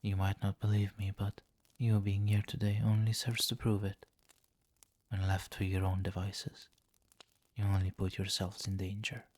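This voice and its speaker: Here the vampire king of the ASMR roleplay is voiced by a man with a low pitch and a completely flat delivery, moving at a moderate pace in a natural voice. He stays seductive and domineering, issuing soft commands with condescension and coaxing in a hypnotic, near-whispered murmur. The mood is haughty and mocking.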